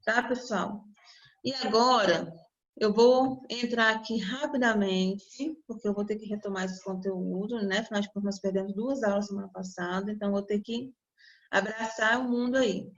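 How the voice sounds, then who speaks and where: A woman with a Brazilian accent, her voice a little higher than most, explains grammar step by step to her class. She keeps checking in with her students as she goes. The sound is somewhat dull and lo-fi. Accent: Brazilian Portuguese. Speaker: Portuguese teacher. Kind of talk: online class lecture.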